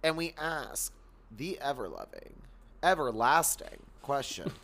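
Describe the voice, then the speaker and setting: A man in his thirties with vocal fry, slightly congested from allergies, chatting in an animated, campy, emphatic way as a comedy podcast co-host. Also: mid-range voice, measured pace. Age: 30s. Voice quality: vocal fry, worse than usual. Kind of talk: casual comedic chat.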